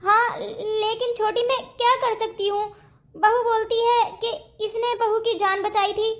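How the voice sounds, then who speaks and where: A grumbling, stern mother-in-law from a cartoon story, as a woman acts her. She sounds worried and grumpy. The pitch runs very high. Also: flat delivery, unhurried.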